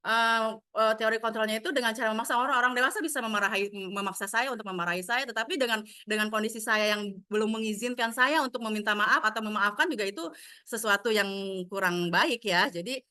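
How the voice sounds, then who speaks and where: A woman teacher walks her colleagues through a training module, speaking straight to them and slipping into the scolding voices of parents and children. Her voice is crisp and bright, and it sits a little high. The sound is close and dry, with no room around it. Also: fast, no echo. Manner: acts out quoted scolding lines from parents and children; explanatory, addresses listeners directly.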